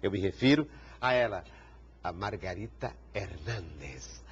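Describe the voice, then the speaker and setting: This TV talk show host has a low, breathy voice with lively intonation and an unhurried delivery. He introduces and questions his guest in an interview, rambling and tripping over repeated words. The broadcast sound is dull, with a faint hiss.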